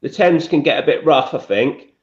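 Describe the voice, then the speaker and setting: A man with a fairly high voice and a London Estuary English accent chats casually on a live stream. He explains things haltingly, often rephrasing as he goes. The audio is somewhat dull and lo-fi. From Scotland. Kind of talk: casual chat.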